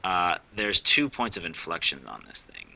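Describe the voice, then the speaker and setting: A man's voice: sits low, very animated, moderate pace, creaky, pushed and bright, poor audio. A male math teacher explaining a graph in a casual recorded lesson, rambling, often correcting himself and thinking aloud.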